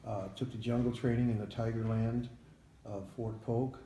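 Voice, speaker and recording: An older American man, a veteran in an interview, remembering his army days in a halting, plain-spoken way. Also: medium pitch, little pitch movement, mellow. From United States. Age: 70s or older. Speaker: Vietnam-era army veteran being interviewed. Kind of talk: veteran interview, recalling memories. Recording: echoey room, faint background noise.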